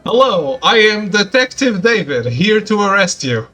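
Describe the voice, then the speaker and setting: A man's voice: high voice, sing-song, measured pace, sharp tone, soft background music. A man playing a detective game, asking questions in a casual, playful, joking way. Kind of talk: casual gameplay chat.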